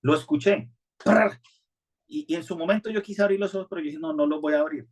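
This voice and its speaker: A man's voice: a little high, rapid-fire, darkish tone. A male pastor, preaching a sermon in an earnest, conversational way with frequent restarts.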